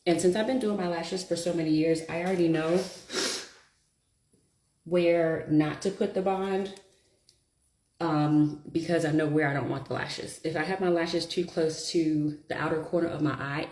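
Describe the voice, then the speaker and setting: A woman's voice: deep voice, normal speed, pauses often, a little mellow, reverberant. A woman chatting casually and thinking aloud as she applies her lashes during a live stream. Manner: chatty, self-deprecating, thinks aloud while working. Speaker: beauty vlogger. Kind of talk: casual live chat while doing makeup.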